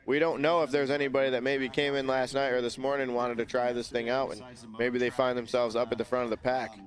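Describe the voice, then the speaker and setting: A man's voice: medium pitch, flat delivery, fast. A man co-hosting live race commentary from an announcers booth, easygoing and teasing.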